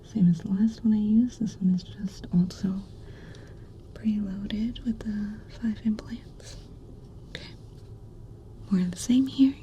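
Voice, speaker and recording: A woman softly whispers through an ear cleaning ASMR role-play, playing a gentle, reassuring ear clinician. Her medium-pitched whisper moves at a measured pace, and the audio is dull with slight background noise.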